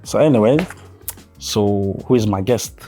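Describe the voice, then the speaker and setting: A man hosting a podcast, chatting with his guest in an eager, friendly and relaxed way with casual slang. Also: lowish voice, a little slow, faint music behind. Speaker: podcast host. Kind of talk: casual interview chat.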